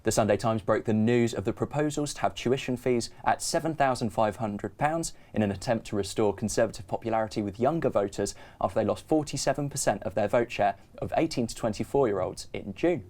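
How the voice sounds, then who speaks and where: Young male student presenter, steady newsreader read, studio setting. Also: fairly low pitch. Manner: measured newsreader delivery. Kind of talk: student news bulletin.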